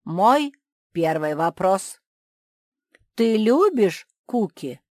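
A woman voicing a scheming old male ant who speaks in slow, coaxing, drawn-out phrases. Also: on the low side, animated, dry recording, studio quality. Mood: sly.

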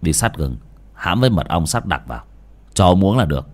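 A man's voice: low-pitched, big pitch swings, a little fast, pitched below the performer's own voice, heavily acted. A man voicing a blunt, hot-tempered young exorcist who scolds sharply. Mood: blunt instruction.

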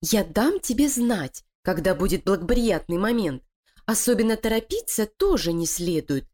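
A woman's voice: medium pitch, sing-song, normal speed, a little mellow, voice pushed up. A woman voicing Lilia, a sly, scheming female animal who talks in a cold, threatening, commanding way.

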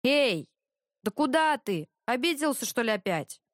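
Brief: woman voicing a bright, teasing young prince for a storybook, raised and lively. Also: fairly high pitch, moderate pace, dry recording, studio quality. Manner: teasing, animated. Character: lively young tsar's son, teasing brother.

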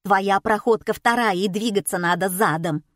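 A woman's voice: mid-range voice, normal speed, fairly bright tone, no room sound, clean studio sound, lightly acted. A woman voicing a rude, scornful female magician's assistant who snaps insults. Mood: snapping. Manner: snapping, insulting.

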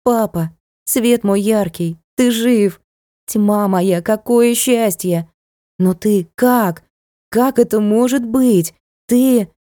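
A woman reading an audiobook voices a fiery young noblewoman who shouts in a high, shrill voice. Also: unhurried, hardly any pauses, no echo, studio quality, lightly acted. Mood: overjoyed.

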